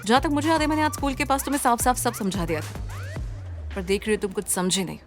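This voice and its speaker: A woman voicing a sharp-tongued teenage girl who mocks and scolds. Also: a little high, fairly even intonation, fast, faint music behind, close to an everyday voice. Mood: mocking. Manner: mocking, scolding. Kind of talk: dubbed drama.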